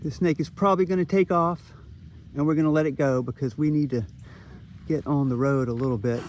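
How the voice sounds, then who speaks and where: High-pitched man hosting an outdoor wildlife vlog. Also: steady tone, fairly quick, a little mellow. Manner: exclamatory, admiring, colloquial. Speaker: wildlife video host. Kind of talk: outdoor vlog narration, talking to camera and animals. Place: outdoors by a rural road. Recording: clear outdoor background noise. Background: outdoor noise.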